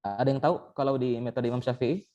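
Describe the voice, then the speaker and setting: A man's voice: mid-range voice, steady tone, quick pace, dark tone, dull audio. A man teaching Quran recitation in an online training session, patiently explaining step by step and sounding out letters as examples. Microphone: online call.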